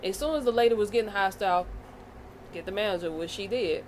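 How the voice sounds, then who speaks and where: A woman's voice: mid-range voice, quick pace, slight background noise. An American woman vlogging a casual commentary rant, blunt and profane, with a fired-up delivery. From United States.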